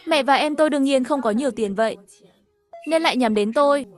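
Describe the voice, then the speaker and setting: A woman narrating a first-person story over animation, voicing every character herself in an even storytelling manner. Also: sits high, quick pace, soft background music.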